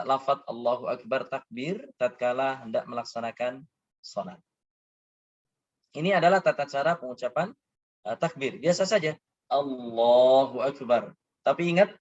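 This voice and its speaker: A man teaching an Islamic prayer lesson, stretching out chanted words to show right and wrong pronunciation and asking questions he then answers himself. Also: medium pitch. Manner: drawn-out chanted demonstrations of correct and wrong pronunciation. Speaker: religious teacher. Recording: dull lo-fi sound.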